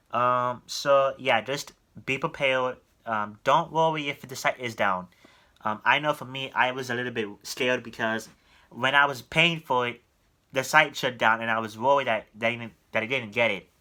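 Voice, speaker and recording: A young man talks straight to his viewers in a relaxed vlog. His voice is bright and forward, and he rambles earnestly through his advice, stopping often for ums and self-corrections. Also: mid-range voice. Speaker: YouTuber giving collector advice. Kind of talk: casual talking-head vlog.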